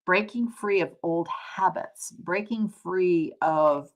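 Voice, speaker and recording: Speaking slowly in a lowish voice, a woman leads a casual live tarot session. She addresses viewers conversationally and reflectively, restating ideas while explaining.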